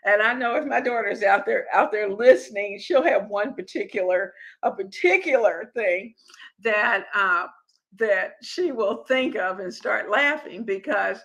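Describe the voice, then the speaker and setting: A woman's voice: on the high side, lively intonation, a little slow, fairly bright tone, poor audio. A middle-aged woman hosting a home cooking live stream, chatting with viewers in a rambling, friendly way with many restarts. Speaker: cooking channel host.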